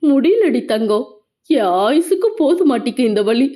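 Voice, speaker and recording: A woman's voice: sits high, expressive, moderate pace, mellow. A woman voicing a tearful devoted young man. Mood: tearful pleading. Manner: tearful, pleading.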